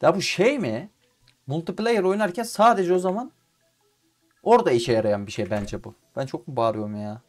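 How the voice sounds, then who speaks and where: Young guy doing a lets play, talks to himself and blows up yelling at the game, in-ear headset. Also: fairly high pitch, animated, normal speed, soft background music. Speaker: gaming YouTuber. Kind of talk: casual let's-play commentary. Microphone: in-ear headphones with mic.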